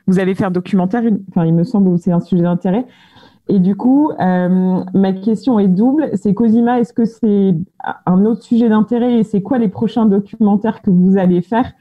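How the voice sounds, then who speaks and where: A woman's voice: mid-range voice, normal speed. A woman moderating a round table without a script, hesitant and rephrasing her questions as she goes. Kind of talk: unscripted panel moderation. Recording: dull band-limited phone-like sound.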